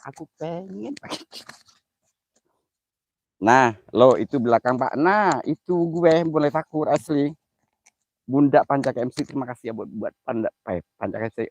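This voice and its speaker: A man's voice: mid-range voice, lively intonation, unhurried, long pauses, a little mellow. A man hosting a casual live stream, giggly and easily flustered, mixing slang with broken English.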